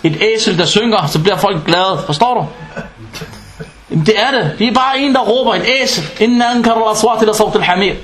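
High-voiced man preaching in an echoey room. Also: a bit bright. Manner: explains Danish, quotes Arabic scripture fast, asks the listeners questions. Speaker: Islamic preacher. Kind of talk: religious lecture.

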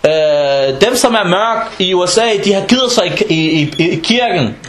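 High-pitched man preaching in a roomy space. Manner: animated, mixes in Arabic phrases and recitation. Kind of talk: informal religious lecture.

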